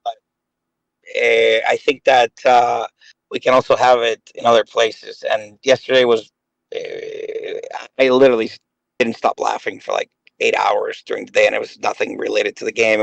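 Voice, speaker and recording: Here a gaming guest in his late thirties talks loosely on a voice call, meandering and filling gaps with ums. His creaky mid-range voice stays steady at normal speed, recorded without echo but in poor quality.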